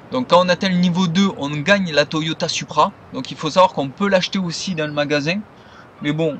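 A man's voice: a little high, fairly bright tone, slight background noise. Rambling casual man over game sounds. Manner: rambling, loose and unscripted. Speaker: gaming video creator. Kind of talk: casual gameplay commentary.

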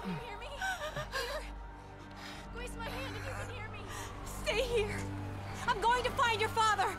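A desperate mother in a video game disaster scene. Her voice is extremely high and distressed, pleading with urgency and love. Loud music plays behind her. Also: fairly even intonation, normal speed. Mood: frantic pleading. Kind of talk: video game cutscene acting.

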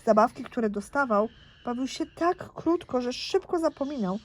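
A woman's voice: high voice, animated, normal speed. Woman reading as a kind grandmother. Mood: gentle. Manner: gentle storytelling, read aloud. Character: kind caring grandmother telling a story.

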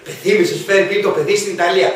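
An actor plays an excitable, fussy husband in a stage comedy. His voice sits high for a man and bursts loud now and then. The sound is distant and echoey, as on a stage. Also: natural voice. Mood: daydreaming. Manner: excitable, shouting.

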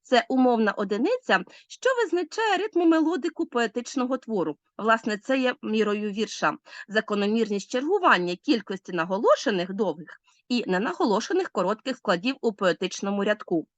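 A woman's voice: on the high side, very animated, brisk, dry recording. A woman teacher explaining a literature lesson step by step, speaking directly to her pupils.

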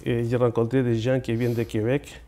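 A man's voice: medium pitch, level tone, brisk, warm tone. A man speaking as a poet guest in an interview, hesitant, with frequent fillers and restarts. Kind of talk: casual interview conversation.

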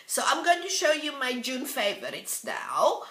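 A woman's voice: sits high, wildly swooping pitch, unhurried, a bit bright. A woman beauty vlogger reviewing her favourite products in a casual, hesitant way, with many fillers and restarts. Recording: echoey room.

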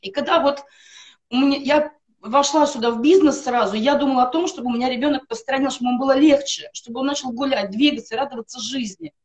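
A middle-aged woman appears as a guest on a live stream, calling in by video from a room at home to give an earnest testimonial for a wellness product. She speaks quickly in a high, darkish voice, stacking up emphatic lists.

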